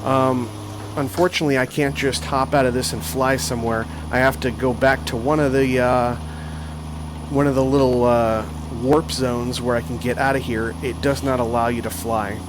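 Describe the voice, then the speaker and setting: Man, mid-pitched voice, casual game commentary, rambling with fillers, faint engine hum behind. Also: steady tone, normal speed. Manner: rambling, with frequent fillers and restarts. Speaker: gaming channel host.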